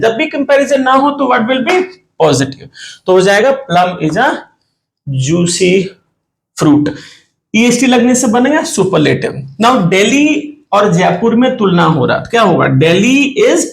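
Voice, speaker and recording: A man with an Indian English accent explains grammar rules one at a time, repeating each word form with care. His voice sits high and has a gravelly edge. He speaks at an unhurried pace. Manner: explains step by step, repeating word forms slowly. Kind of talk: classroom grammar lesson mixing Hindi and English.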